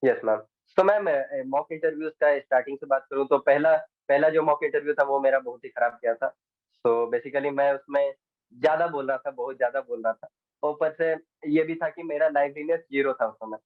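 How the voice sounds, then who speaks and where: A teenage boy from India answers interview questions haltingly, restarting and slipping into English phrases now and then. The sound is thin and phone-like, and bone dry, as if it came over a video call. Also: medium pitch, steady tone, dry recording. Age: teens. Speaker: interview guest, exam candidate. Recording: tinny dry phone-like line.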